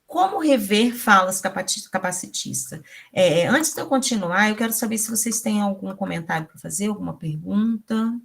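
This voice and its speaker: A Brazilian woman teacher hosts a casual online conversation in a mid-range voice. She talks in an animated way and acts out the voices of the people in her stories. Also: mid-range voice, moderate pace, gravelly, few pauses. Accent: Brazilian Portuguese. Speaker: teacher hosting an online talk.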